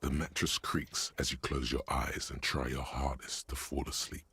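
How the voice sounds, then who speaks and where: Brief: a grim game narrator, low, rough voice, measured delivery. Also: male voice, little pitch movement, bright, forceful tone, dry recording, heavily acted. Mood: somber.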